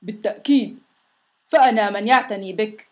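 A woman's voice: medium pitch, fairly quick, close to an everyday voice. A woman voicing a big, sulky, sick male monster in a storybook reading, whiny and complaining. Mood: caring, boastful. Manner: whiny and complaining, loud when shouting demands.

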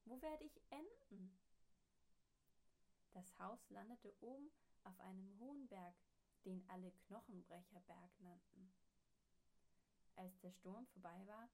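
Slow, deliberate woman storyteller. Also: medium pitch, darkish tone. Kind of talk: reading a children's story aloud.

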